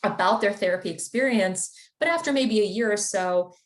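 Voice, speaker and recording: This woman, a therapist from the Chicago area of the United States, uses a mid-range voice with lively intonation at normal speed while presenting a wellness webinar. She explains things conversationally and drops in occasional fillers.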